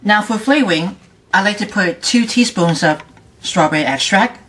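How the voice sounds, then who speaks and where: A woman hosting a casual home cooking demonstration in her kitchen, talking in a halting, loose way with frequent restarts. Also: mid-range voice, fairly bright tone, a little hiss or hum. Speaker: home cooking show host.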